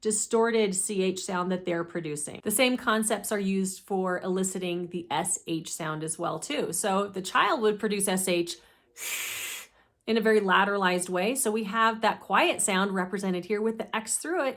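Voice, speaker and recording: A woman's voice: mid-range voice, moderate pace, fairly bright tone. Methodical woman explaining like a speech therapist. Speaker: speech therapist presenting her own teaching deck. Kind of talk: instructional explanation with demonstrated speech sounds.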